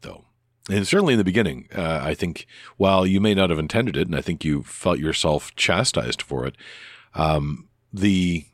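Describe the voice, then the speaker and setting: Speaking close to the mic with no echo, a deep-voiced man casually replies to another podcaster on his own podcast. He rambles hesitantly, restarting often and using many fillers.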